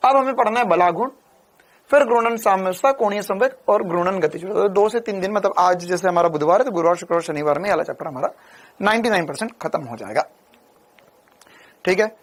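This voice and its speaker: A young man with a high-pitched voice teaches physics in a casual Hindi lecture, talking fast. He keeps it chatty and speaks to his students like they're friends.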